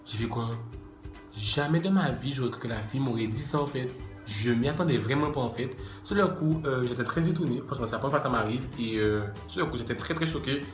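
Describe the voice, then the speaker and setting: A man's voice: mid-range voice, quick pace. A man telling a casual storytime to his viewers, slangy and chatty, addressing them directly. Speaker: YouTuber. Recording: echoey room with faint music.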